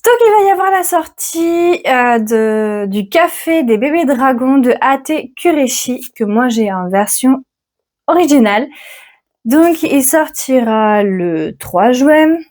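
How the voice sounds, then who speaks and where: A woman's voice: high-pitched, animated, takes it slowly, a little mellow. A woman hosting a book channel, chatting casually and self-mockingly about upcoming releases while thinking aloud. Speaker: book vlogger. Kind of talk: casual chat about new books.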